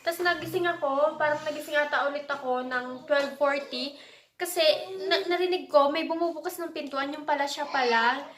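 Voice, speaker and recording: A woman's voice: high voice, normal speed, fairly bright tone, echoey room. A woman from the Philippines chatting casually in a home vlog, sometimes coaxing her child in a mommy tone. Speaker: vlogger and mother. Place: indoors at home, bedroom.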